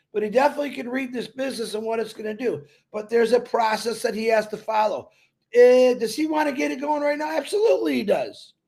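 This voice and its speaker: A man giving a loud, emphatic motivational talk to company members, telling folksy stories and repeating himself. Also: extremely high pitch, creaky. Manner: loud and emphatic, calls himself a big mouth; repetitive, folksy storytelling. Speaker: company promoter speaking to members.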